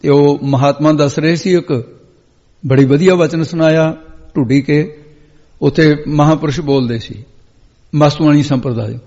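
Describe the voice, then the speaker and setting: Male Sikh preacher, story-driven katha with slow chanted verses; lo-fi recording with hall echo. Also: on the high side, steady tone, dark tone. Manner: chants scripture lines slowly, then explains them in speech. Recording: echoey hall, dull lo-fi sound.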